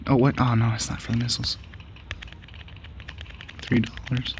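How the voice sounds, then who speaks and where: A man giving casual, excitable commentary while playing a game with a friend, laughing and trash-talking his opponent. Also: mid-range voice, moderate pace, slight background noise. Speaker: gaming channel host.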